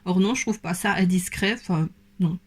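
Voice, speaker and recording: A woman's voice: fairly low pitch, moderate pace, breathy edge. A young woman from Belgium with a light Belgian French accent, answering viewer questions in a casual vlog with many hesitant fillers. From Belgium, Liège province. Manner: hesitant, many fillers, soft and self-conscious. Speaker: beauty YouTuber.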